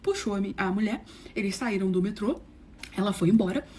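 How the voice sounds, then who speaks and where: Fast-talking carioca woman telling a story. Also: a little hiss or hum. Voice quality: expressive, dramatic storytelling with big swings in pitch. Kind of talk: casual storytime monologue.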